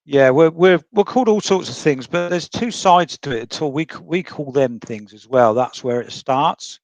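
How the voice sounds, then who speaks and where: A man's voice: a little high, animated, normal speed, darkish tone, dry recording. A man joining a livestream through a group voice call, speaking earnestly and hesitantly, often restarting his sentences in casual chat. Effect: remote participant heard over a group voice call. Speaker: guest on a true crime livestream. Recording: dull lo-fi voice call audio.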